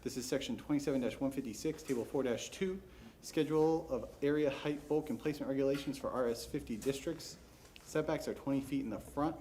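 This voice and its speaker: A man's voice: medium pitch, dark tone. Businesslike man presenting a case, faint background noise. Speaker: city staff member presenting a case. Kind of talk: formal case presentation at a public hearing. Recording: faint noise, public hearing room.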